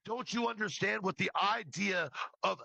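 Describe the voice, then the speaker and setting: A man who makes true crime livestreams delivers an impassioned, scolding rant aimed at an absent person, swearing freely and hammering repeated phrases. His voice sits high and is creaky with a sharp tone, at a moderate pace, on a dry recording.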